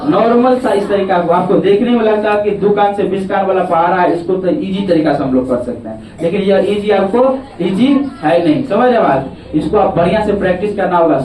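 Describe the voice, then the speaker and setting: High-voiced male teacher. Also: darkish tone. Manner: coaxing, repeats checks on understanding. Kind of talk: classroom math lesson. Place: classroom. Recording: echoey classroom from far off.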